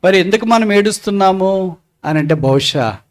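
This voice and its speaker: High-voiced preacher, lively sermon. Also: male voice, normal speed. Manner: swings between loud high exhortation and low hushed delivery; asks the audience questions and answers them.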